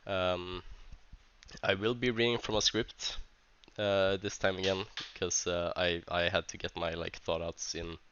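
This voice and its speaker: A man with a Swedish accent, a tournament organizer who speaks English as a second language, reads a vlog script in a halting, hesitant way with many restarts while sounding stuffy from a cold. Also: deep voice, level tone, fairly bright tone, lo-fi sound, a little hiss or hum. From Sweden.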